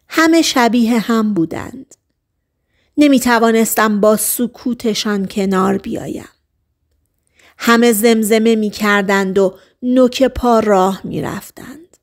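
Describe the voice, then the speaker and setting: A woman reads a novel aloud as an audiobook narrator. Her voice sits somewhat high, and she keeps a calm, even storytelling manner throughout.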